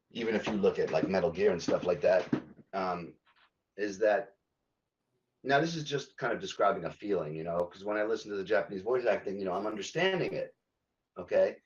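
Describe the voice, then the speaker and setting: A man, a game localization director, answering podcast interview questions haltingly, with many ums and restarts. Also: sits low, muffled recording.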